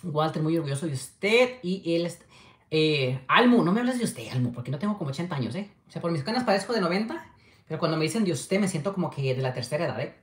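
On a livestream, a man chats affectionately and reads viewer comments, repeatedly urging people to like. His voice is a little high, sing-song and fast. A webcam at desk distance picks him up in a small, echoey home room with a window.

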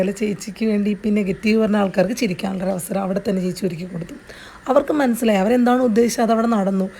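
A woman's voice: mid-range voice, darkish tone, a little hiss or hum. A woman giving earnest, consoling advice straight to the camera, repeating herself and restarting often. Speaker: vlogger. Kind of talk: direct-to-camera advice monologue.

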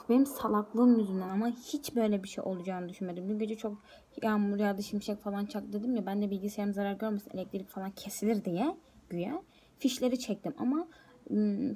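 A woman's voice: mid-range voice, brisk, warm tone, a little hiss or hum. A young woman talking casually to her viewers in a vlog, chatty and addressing them directly. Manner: chatty, speaks straight to viewers. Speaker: vlogger. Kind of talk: casual vlog talk to camera.

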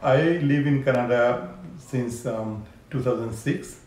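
A man in his fifties from Bangladesh, a care home owner, answering interview questions in a halting way with many fillers, seated on a sofa in a living room. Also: medium pitch, a little mellow, reverberant, a little hiss or hum.

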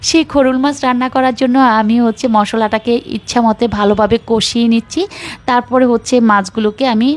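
A woman's voice: a little high, darkish tone. A woman chatting casually as she narrates her cooking, rambling and leaning on repeated filler words. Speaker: cooking vlogger.

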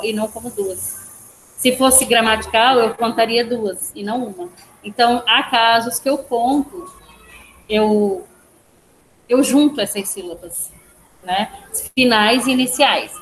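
A woman teaching a language class online, explaining step by step, counting syllables aloud and checking in with her students. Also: on the high side. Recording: echoey room, faint background noise.

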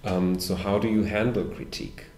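Male host, very low voice, halting and stammering, echoey room. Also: fairly even intonation, darkish tone. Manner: halting, stammers over questions. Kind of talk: live panel discussion. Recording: roomy echo.

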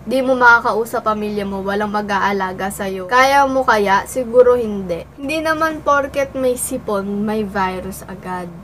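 A woman's voice: medium pitch, normal speed, few pauses, a bit bright, slight background noise, poor audio. A young adult woman vlogging casually with a stuffy cold, reading comments aloud and firing back playful, teasing comebacks, sometimes while eating. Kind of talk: casual vlog reacting to comments.

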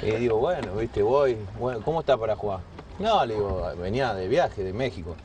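A man's voice: on the low side, brisk, far from the mic, noisy background. A Rosario man, recorded from afar. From Rosario, Argentina. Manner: relaxed, quotes others with bursts of laughter. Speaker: former footballer telling an anecdote. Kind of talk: casual anecdote telling.

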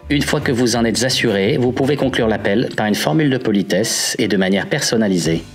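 A man's voice: mid-range voice, animated, brisk. A man giving scripted instructional narration for a training video. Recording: faint background music.

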